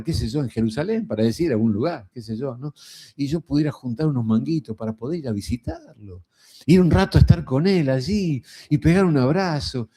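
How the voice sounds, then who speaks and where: Middle-aged Rioplatense male preacher; relaxed, conversational sermon delivery with a warm, dark tone and plenty of rhetorical asides. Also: mid-range voice. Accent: Rioplatense Spanish. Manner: folksy and conversational, frequent rhetorical "¿no?".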